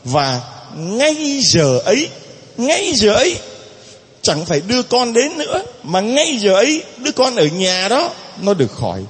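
Emphatic, husky-voiced male priest. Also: a little high, long reverb tail. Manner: dramatic, emphatic, rhetorical questions. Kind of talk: sermon. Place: church.

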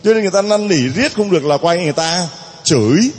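A male priest preaches dramatically, swinging his voice far up and down on each emphatic point. His tone is slightly husky, and a long reverb rolls through the church around him. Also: sits high, animated, fast, darkish tone. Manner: dramatic, emphatic, rhetorical questions. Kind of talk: sermon.

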